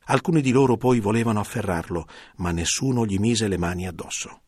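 A man narrates a scripted Bible reading with a steady, even delivery. His voice sits low with a husky edge. The recording is dry and close, with no room sound. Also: brisk, dry recording.

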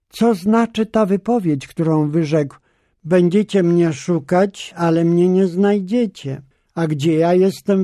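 A puzzled crowd of doubting men asks its questions, read aloud by a man. The questioning lines come with a raised pitch and stay slow and mellow. The tone is one of disbelief. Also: dry recording, clean studio sound. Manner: questioning, incredulous reading. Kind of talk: scripture reading.

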